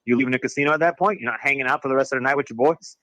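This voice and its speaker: A man's voice: medium pitch, rapid-fire, sharp tone, no room sound, rough recording. A man chatting on a podcast who rambles and trips over his sentences. The sound is dry and close. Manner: rambling, stammering restarts. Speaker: podcast co-host. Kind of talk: casual chat.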